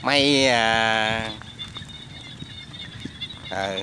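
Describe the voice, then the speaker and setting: A man's voice: lowish voice, drawn-out words. A man vlogging outdoors on a rainy afternoon, chatting to his viewers and recording on a phone. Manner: chatty, addresses viewers constantly. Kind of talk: casual outdoor vlog commentary. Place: outdoors in rain at a quiet resettlement area. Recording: light rain and frog noise outdoors. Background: rain and frogs croaking.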